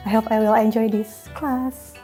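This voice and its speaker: A woman's voice: on the high side, fairly even intonation, moderate pace, mellow, faint music behind. A woman from Indonesia, a guest politely introducing herself. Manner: polite, hopeful. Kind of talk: self-introduction.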